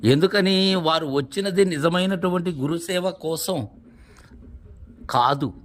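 A man, a spiritual teacher, explaining verses in a devotional discourse, repeating his points and asking rhetorical questions. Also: a little high.

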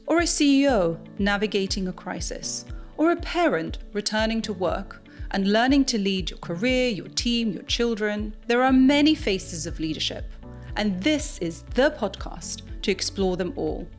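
A woman in her thirties hosting a podcast from a living room, enthusiastic and warm, speaking into a studio mic. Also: mid-range voice. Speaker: podcast host. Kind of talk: podcast intro and interview. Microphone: studio mic on boom arm.

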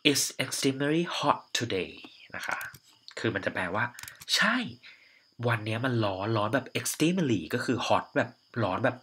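A woman teaching English, slowly explaining each line of a dialogue and leading the class to repeat it. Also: very deep voice, animated, fairly bright tone, slight background noise. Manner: slow, drilling, explains each phrase in Thai.

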